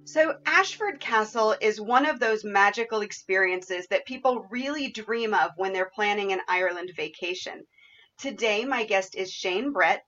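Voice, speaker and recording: A woman's voice: medium pitch, a bit bright, muffled recording. A woman hosting a podcast interview in a conversational style. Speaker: podcast host.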